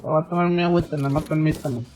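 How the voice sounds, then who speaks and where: A man's voice: a little high, steady tone, rapid-fire, a little mellow, a little hiss or hum. A male gaming streamer chatting casually in an exaggerated Dominican Spanish accent, playfully switching between English and Spanish. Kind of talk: casual live-stream chat.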